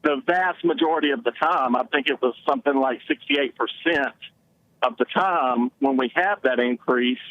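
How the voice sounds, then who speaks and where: A man's voice: mid-range voice, moderate pace, no echo. Alabama Southern man on a muffled call. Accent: Alabama Southern American. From Alabama, United States. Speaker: first-time caller. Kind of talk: casual political discussion.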